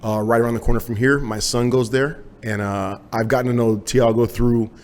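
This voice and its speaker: A man's voice: medium pitch, fairly quick. A man hosting a podcast interview, chatting loosely with lots of fillers and easy yeahs, recorded in a small home gym. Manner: relaxed, loose talk with many fillers and repeated yeahs. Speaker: podcast host. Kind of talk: casual interview.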